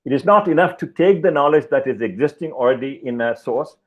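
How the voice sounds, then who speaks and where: An older man giving a keynote lecture over slides on a video call, talking in a measured, deliberate way with pauses and fillers. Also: mid-range voice, expressive. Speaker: keynote speaker. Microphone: headset, video call. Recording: slightly dull video-call audio.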